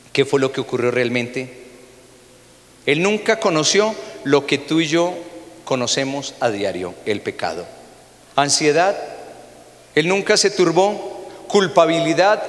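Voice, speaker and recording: A man with a Colombian Spanish accent preaching a sermon as pastor, dropping to soft low asides and rising to raised, exclaiming peaks. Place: church sanctuary. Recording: long hall reverb of a church.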